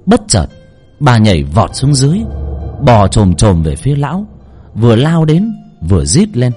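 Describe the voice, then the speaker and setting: A man's voice: medium pitch, very animated, normal speed, darkish tone, soft background music. A man narrating a horror story in a dramatic, suspenseful way.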